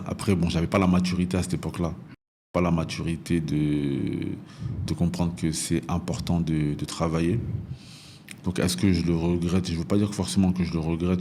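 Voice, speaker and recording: On a podcast interview, a northern French man in his thirties recounts his own experiences with a deep, mellow voice. Slight background noise is audible, and he hesitates and repeats phrases as he explains things.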